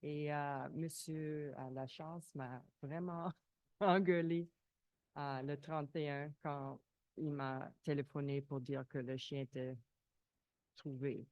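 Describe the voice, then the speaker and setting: Slow, halting woman with foreign-accented French. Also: sits low, fairly even intonation, dry recording, dull audio. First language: not French. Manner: halting, searching for words. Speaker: resident speaking at a council meeting. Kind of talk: informal public question.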